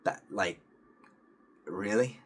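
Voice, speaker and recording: A young man vlogging, telling a personal story in a calm, earnest, rambling way with many restarts and fillers. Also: lowish voice, extremely slow. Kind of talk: casual storytelling to camera.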